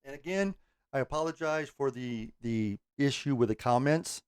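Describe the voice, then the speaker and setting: A man's voice: medium pitch, normal speed, darkish tone, clean tone, dry recording, studio quality. A middle-aged man hosting a music reaction channel, chatting casually to camera in a rambling, self-correcting way and swearing now and then.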